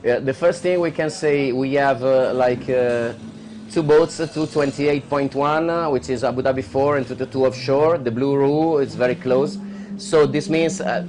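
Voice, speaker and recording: A man's voice: mid-range voice, darkish tone, slight background noise. A man co-commentating a boat race, explaining technical points at length with many hesitations. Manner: explanatory, many uh fillers, non-native phrasing. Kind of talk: live sports commentary.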